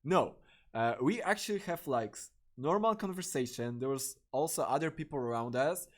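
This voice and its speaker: A man's voice: medium pitch, normal speed. Young male podcaster, rambling profane storyteller. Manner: rambling, profane, excitable, many fillers and restarts. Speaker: podcast host. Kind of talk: casual storytelling.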